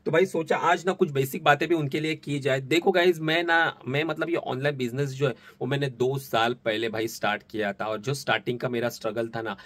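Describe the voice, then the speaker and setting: Slightly fast with hardly any pauses, his medium-pitched voice is fairly even and a bit bright. The young man, in his twenties, vlogs on a phone held out at arm's length, chatting away and repeating "bhai" constantly. He's an online seller filming in a small indoor office and outside on a nighttime street.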